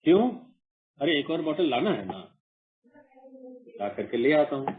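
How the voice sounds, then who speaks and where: A man's voice: fairly high pitch, sing-song, unhurried. A man from India sharing his recovery story at an online support meeting, earnest and repetitive, sometimes acting out his own past voice. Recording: muffled phone-like online call audio.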